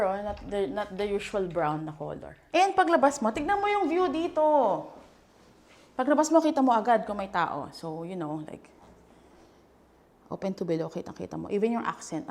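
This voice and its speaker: A woman's voice: on the high side, sing-song, normal speed, darkish tone. A young Filipino woman leading a chatty, enthusiastic house tour, mixing English and Tagalog. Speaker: real estate agent giving a house tour. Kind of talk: casual walkthrough tour.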